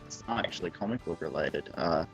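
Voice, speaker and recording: A man's voice: sits low, expressive, brisk, faint music behind. A man calling in over a choppy, cutting-out internet call, speaking hesitantly and trailing off. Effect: breaking-up internet call. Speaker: caller. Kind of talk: casual chat. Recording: dull, distant call audio.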